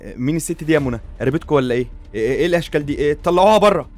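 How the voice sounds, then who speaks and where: An indignant young groom, as a man plays him, firing off defensive denials at breakneck speed. His Egyptian Arabic jumps around in pitch, with faint music behind. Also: expressive, rapid-fire, a little mellow, natural voice.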